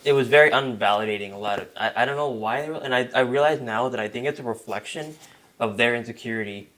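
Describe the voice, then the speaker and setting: A man's voice: mid-range voice, fast, fairly bright tone. A young man, talking casually as a podcast guest, rambling with restarts and fillers. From Taiwan.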